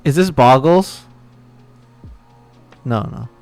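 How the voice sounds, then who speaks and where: A man streaming a card game live, talking to himself and his viewers, swearing at bad luck and muttering quietly between outbursts. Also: medium pitch, expressive, very slow, no room sound, soft background music.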